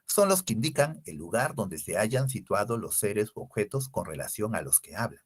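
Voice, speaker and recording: A man with a Peruvian Spanish accent runs an exam-prep grammar lesson, listing examples and checking in with rhetorical questions. His voice sits low and a little husky. His pitch jumps widely as he stresses each point. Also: very animated, moderate pace. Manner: emphatic, rhetorical questions, spelling out lists. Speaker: language teacher.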